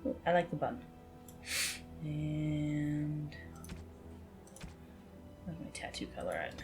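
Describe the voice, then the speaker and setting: A woman chatting casually as she plays a video game, talking to herself with sudden high exclamations. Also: lively intonation, takes it slowly, over music. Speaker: gaming host.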